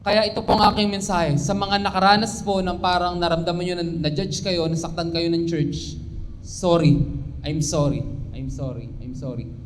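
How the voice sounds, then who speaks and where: Young Filipino male preacher, earnest, high-pitched, recorded in a reverberant church hall with faint background hum. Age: young adult. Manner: earnest, mixes English into his talk, pleading at times. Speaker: pastor. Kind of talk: sermon.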